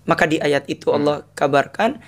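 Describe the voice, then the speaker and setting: A man preaching in casual with a tinge, chanting verses slowly between animated explanations. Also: a little high. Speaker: Islamic preacher. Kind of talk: casual religious talk.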